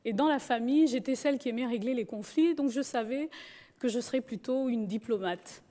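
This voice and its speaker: High-voiced woman telling her story. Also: fairly quick. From Gabon. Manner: humorous, lively storyteller. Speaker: speaker. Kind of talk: personal storytelling talk.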